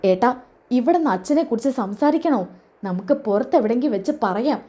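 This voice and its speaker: A woman playing a nervous young daughter, hushed, cautious, fairly high voice. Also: animated, brisk, close to an everyday voice. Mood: anxious.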